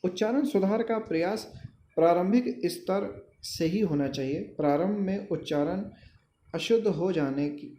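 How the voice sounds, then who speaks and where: Slow-explaining male teacher, echoey room. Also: a little high, dark tone, slight background noise. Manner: slow, deliberate explaining with example words. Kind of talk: lecture on pronunciation. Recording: echoey room with faint ambience.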